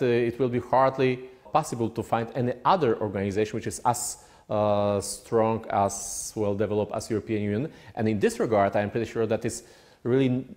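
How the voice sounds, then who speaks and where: A man with a Polish accent giving formal interview answers in a deliberate, diplomatic way with hesitant phrasing. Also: medium pitch, darkish tone. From Poland. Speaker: ambassador, interview guest.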